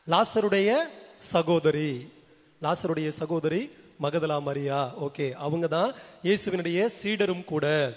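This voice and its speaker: A man with a Tamil accent preaching a sermon as a priest, asking the congregation question after question. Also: on the high side. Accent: Tamil Nadu. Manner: repeats rhetorical questions to the congregation. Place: large church. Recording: long church reverb.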